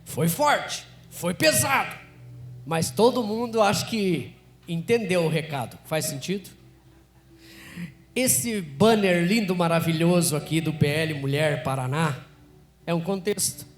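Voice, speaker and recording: A Brazilian man teaching public speaking live to an event audience, energetic, constantly quizzing the room. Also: fairly high pitch, unhurried.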